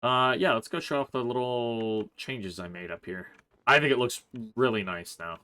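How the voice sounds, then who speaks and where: A man hosting a Let's Play, chatting through his gameplay in a relaxed, rambling way, thinking aloud with plenty of "uh" and "like". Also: medium pitch, moderate pace, clean tone. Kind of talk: casual gameplay commentary.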